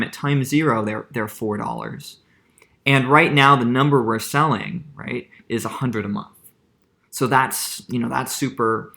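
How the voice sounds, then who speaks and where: A man in a relaxed classroom-style lecture, walking through a worked math example at an easy pitch. He keeps checking in with a quick "right?" and often restarts his phrases as he thinks aloud. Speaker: math teacher. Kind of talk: casual lecture explaining calculus with slides.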